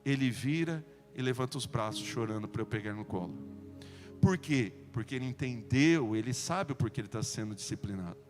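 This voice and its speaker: A Brazilian pastor preaching a sermon, telling stories and acting out dialogue, swinging between soft and loud. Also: male voice, mid-range voice, expressive, a little fast, in a large hall, over music. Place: church sanctuary.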